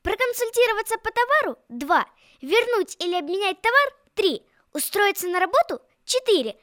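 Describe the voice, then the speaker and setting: A woman reading a scripted automated phone menu in an even, measured way, her voice dropping on the final word of each option. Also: very high voice. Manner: even, measured reading with falling last words.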